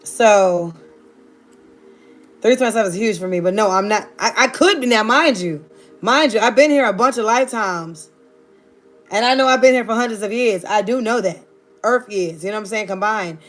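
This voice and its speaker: Faint music plays behind this Virginia woman in her thirties as she livestreams at a normal speed in a mid-range voice. She's sassy and playful, addressing her chat directly.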